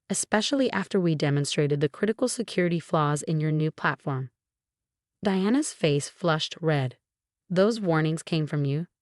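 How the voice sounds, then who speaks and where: A woman tells a first-person story in a calm, measured way. Her voice sits very low and steady. The recording is dry and close, with no room sound. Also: no echo. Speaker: narrator.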